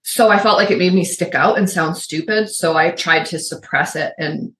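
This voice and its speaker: This podcast co-host is a middle-aged woman from Michigan's Upper Peninsula whose faint Yooper accent stays mostly suppressed as she rambles chattily, restarting and adding asides. She has a lowish, slightly bright voice at normal speed, with a roomy echo and slight background noise.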